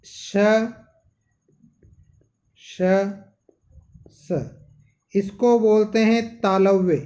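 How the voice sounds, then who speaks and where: A man's voice: sits high, steady tone, very slow, mellow. A man teaching a grammar lesson, dictating syllables one at a time, asking questions and answering them himself. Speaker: Sanskrit teacher.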